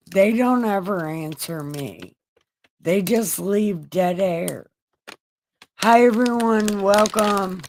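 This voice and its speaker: A woman in her forties hosting a casual livestream, loud and joking as she teases her friends. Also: lowish voice, a little hiss or hum, poor audio. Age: 40s. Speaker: livestream host.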